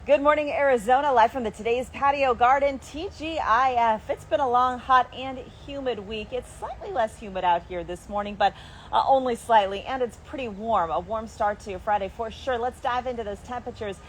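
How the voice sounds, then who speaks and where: A woman TV weather forecaster giving an upbeat, brisk live report from an outdoor patio garden. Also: fairly high pitch, a little hiss or hum. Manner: upbeat, brisk broadcast delivery.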